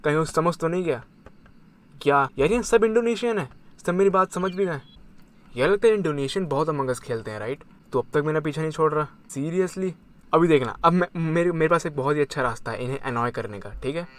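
A young man giving chatty, excitable commentary on his game, mixing Hindi and English. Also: a little high, fairly quick. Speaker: gamer. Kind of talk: casual gaming commentary.

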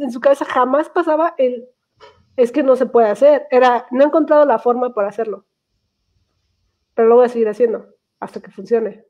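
Woman with Mexican accent on a tinny call. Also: fairly high pitch. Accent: Mexican Spanish. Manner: chatty, laughs easily, quick bursts. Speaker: guest speaker. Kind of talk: casual online talk. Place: small room at home. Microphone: headset. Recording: tinny video call audio.

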